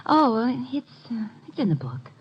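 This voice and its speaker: Taking on a full character voice, an actress sounds husky, on the high side, and very animated as a coy young woman writer in 1950s radio-drama style. Her delivery gushes coquettishly with hesitant pauses, and the vintage radio recording sounds dull.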